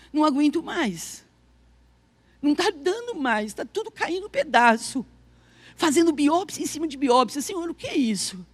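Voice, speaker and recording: High-voiced Brazilian woman pastor preaching. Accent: Brazilian Portuguese. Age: middle-aged. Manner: swings from loud preaching to soft storytelling. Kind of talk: sermon. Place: church.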